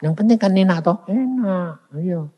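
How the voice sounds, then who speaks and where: Older preacher, husky voice. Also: male voice, high-pitched, measured pace, muffled recording. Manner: folksy, animated, mixes in regional slang. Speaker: evangelist preacher. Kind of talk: conversational sermon with questions. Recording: long hall reverb.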